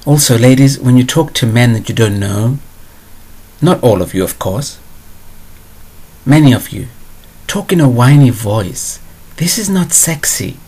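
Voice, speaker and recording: Husky-voiced man giving blunt spiritual advice. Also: medium pitch, lively intonation, a little slow, long pauses, a little mellow. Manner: blunt and digressive. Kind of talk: answering a viewer question to camera.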